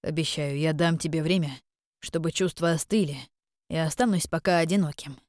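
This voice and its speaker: A woman voicing a young crown prince who speaks calmly and deadpan with a faint mocking edge. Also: sits low, a little fast, no echo, studio quality, close to an everyday voice. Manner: calm, deadpan, mildly mocking. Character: young crown prince, cool, hard and teasing.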